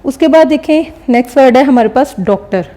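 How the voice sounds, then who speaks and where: A woman teacher explaining a recorded lesson step by step, often pausing to check understanding. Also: high voice, animated, dark tone. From Pakistan. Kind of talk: recorded classroom lecture.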